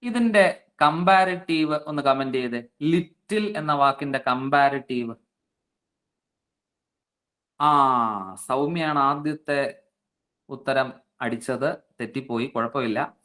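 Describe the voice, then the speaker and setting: A man's voice: mid-range voice, fairly bright tone. A man teaching an online exam-prep class, reading out student names and checking their answers. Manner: slow, coaxing explanations.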